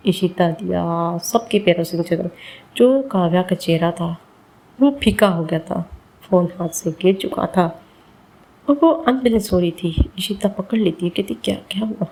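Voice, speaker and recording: A woman storyteller reading out a dramatic serialized romance, emotional and talking to her listeners directly. Her voice is gravelly and mellow. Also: lowish voice, rough recording. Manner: emotional, addresses listeners as guys.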